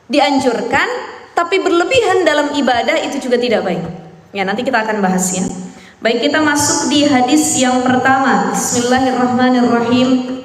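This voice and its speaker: Female religious teacher, high voice, instructive and carefully enunciated, lecturing with long hall reverb. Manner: didactic, repeats key phrases, checks understanding with tag questions. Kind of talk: Islamic study lecture to a women's class.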